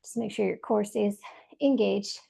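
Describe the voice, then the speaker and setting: A woman instructs a live workout by video call, exercising along as she gives encouraging cues one step at a time. She speaks unhurriedly in a mid-range, fairly even voice that's creaky, mellow, and a bit rough.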